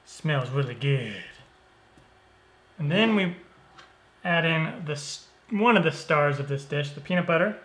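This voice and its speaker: A man's voice: fairly high pitch, measured pace, long pauses. Easygoing man demonstrating a recipe. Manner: relaxed, easygoing step-by-step explaining. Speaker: cooking show host. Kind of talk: cooking demonstration. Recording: roomy echo.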